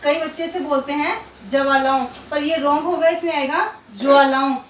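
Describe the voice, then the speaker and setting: A woman's voice: sits high, steady tone, normal speed, distant mic, a little hiss or hum. A woman teaching a primary school class, patiently drilling pronunciation and asking and answering her own questions. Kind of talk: recorded online class lesson. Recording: roomy, from off-mic.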